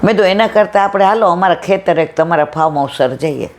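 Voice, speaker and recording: A woman's voice: on the low side, fast, a little hiss or hum. Woman giving a devotional talk. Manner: conversational, acts out quoted dialogue. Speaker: satsang speaker. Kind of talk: devotional discourse with storytelling.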